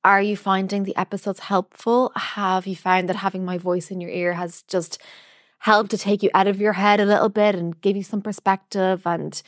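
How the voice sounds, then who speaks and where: A woman's voice: medium pitch, level tone, moderate pace, dry recording. A woman hosting a solo podcast, talking directly to the listener in an earnest, emphatic way on a close mic. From United Kingdom. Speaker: podcast host, dietitian.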